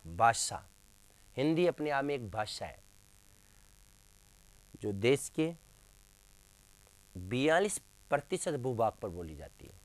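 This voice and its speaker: A male teacher giving a classroom lecture, asking questions and answering them himself, repeating key terms with emphasis. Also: medium pitch. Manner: addresses listeners as friends, emphatic.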